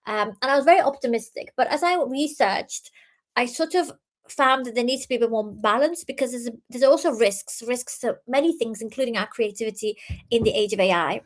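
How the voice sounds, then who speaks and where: A woman's voice: a little high, fairly quick. Earnest woman speaker. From Iran, raised in the UK. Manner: many filler ums and restarts, earnest. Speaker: author and innovation speaker. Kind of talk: talk presentation.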